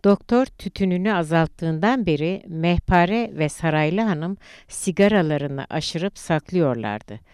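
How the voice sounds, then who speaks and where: A woman reading a literary novel aloud in a measured, deliberate audiobook narration. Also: fairly low pitch, lively intonation, darkish tone, clear, resonant tone, no echo, clean studio sound.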